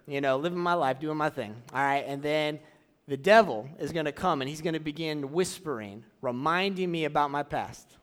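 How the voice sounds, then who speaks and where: A young man preaching casually to a church audience, drawing out key phrases slowly and running a live object lesson. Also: on the high side, fairly bright tone. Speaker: youth pastor.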